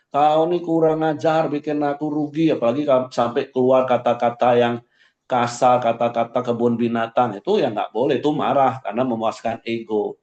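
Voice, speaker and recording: A man's voice: darkish tone, dull audio. Man teaching a devotion over an echoey call. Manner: conversational, rises sharply for emphasis, ends points with a low aside. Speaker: pastor. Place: online morning devotion meeting.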